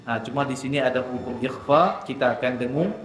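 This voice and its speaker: A man teaching Quran recitation in a mosque class, drawing out letter sounds slowly before explaining quickly. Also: mid-range voice, slight background noise. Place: mosque hall. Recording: echoey mosque hall with faint ambience.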